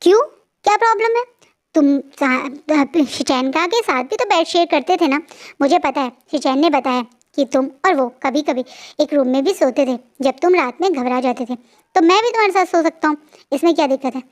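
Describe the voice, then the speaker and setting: A woman voicing a playful, teasing young man who banters and coaxes in a high voice. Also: lively intonation, moderate pace. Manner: coaxing, bantering.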